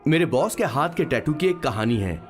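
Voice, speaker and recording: A man's voice: mid-range voice, big pitch swings, moderate pace, music in the background, natural voice. An actor playing a talkative male assistant who narrates his boss's story in a dubbed film, stumbling over names. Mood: lively. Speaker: narrator and sidekick.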